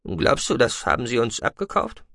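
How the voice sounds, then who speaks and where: A man's voice: medium pitch, very animated, moderate pace, bright, forceful tone, no room sound, studio quality. A man voicing a nervous but determined male alien doctor in a science-fiction audiobook, talking earnestly. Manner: nervous, then theatrically earnest.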